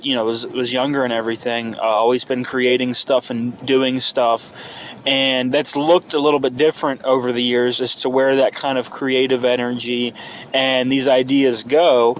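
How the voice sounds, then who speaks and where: A man in his early twenties hosting a casual, unscripted solo podcast, talking hesitantly and thinking aloud into a phone inside a car. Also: mid-range voice. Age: early 20s. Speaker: podcast host. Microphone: phone microphone. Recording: noisy car-interior phone recording.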